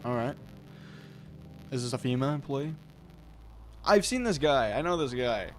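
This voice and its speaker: A man's voice: mid-range voice, animated, unhurried. A man reading game text aloud and commenting casually with wry asides. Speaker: gameplay host.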